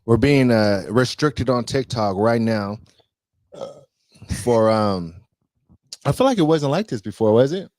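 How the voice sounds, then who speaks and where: A man co-hosting a podcast in casual chat, playful and rambling, pausing on fillers as he talks. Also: medium pitch, animated, a little mellow, no room sound. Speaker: podcast co-host.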